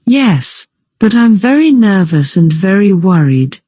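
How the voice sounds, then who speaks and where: A woman voicing a nervous, lonely young man who works in an office, in a slow, careful read. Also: mid-range voice, very animated, mellow, no room sound, studio quality. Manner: slow, simple, careful delivery.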